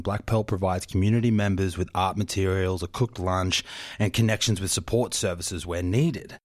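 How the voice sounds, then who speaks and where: A man's voice: lowish voice, no room sound. Friendly man hosting a radio show. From Eastern Torres Strait. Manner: friendly, laughing, chatty with guests. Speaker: radio host. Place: radio studio. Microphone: studio microphone.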